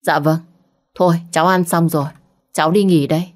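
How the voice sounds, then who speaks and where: A woman's voice: lowish voice, fairly even intonation, fairly quick, a little mellow, close to an everyday voice. A woman voicing a curt, cold young man, the heir of a wealthy family, in a storybook. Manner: curt, dismissive.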